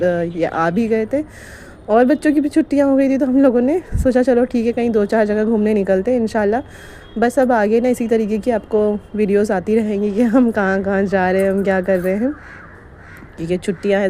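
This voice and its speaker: A woman's voice: medium pitch, warm tone, slight background noise. A woman, narrating a family vlog in a chatty, rambling way and laughing often. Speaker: vlogger.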